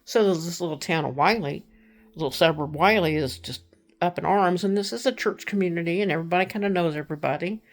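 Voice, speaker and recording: A woman from Texas tells a true crime story in a chatty, casual way. Her voice sits a little low with a gravelly edge. She acts out the quoted people and sinks into hushed tones. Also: fast talker.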